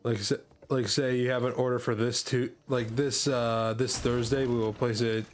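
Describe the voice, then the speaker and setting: A man's voice: mid-range voice, little pitch movement, normal speed, soft background music. A man telling a story in casual chat, rambling, laughing often and swearing freely. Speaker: streamer. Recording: faint background noise.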